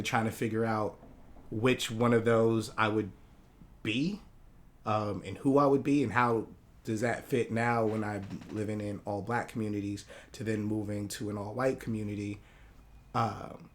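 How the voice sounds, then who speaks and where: A man who grew up in Hawaii, a guest artist talking in a casual interview, relaxed and rambling with many fillers. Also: mid-range voice.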